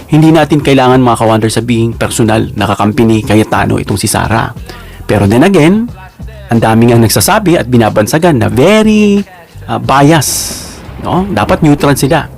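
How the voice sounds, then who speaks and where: A man's voice: mid-range voice, lively intonation, vocal fry, darkish tone, soft background music. A man giving casual political commentary as a vlogger, chatty and emphatic, often checking in with his viewers. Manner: chatty, repeats "no?" and addresses viewers; slow and emphatic on key words.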